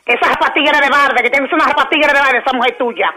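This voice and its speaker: A man's voice: steady tone, rapid-fire. A man pranking on air, voicing a furious, foul-mouthed jealous woman with a Dominican accent. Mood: scolding. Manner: shrill, scolding, mocking insults. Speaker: radio prankster.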